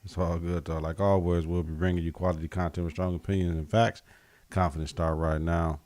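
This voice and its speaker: A man's voice: low-pitched, level tone, fairly quick, darkish tone, dry recording. A man hosting a casual sports podcast, slangy and opinionated, his speech slurred and spitty because his mouth is numb from the dentist. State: numb mouth from dental work. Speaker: podcast host.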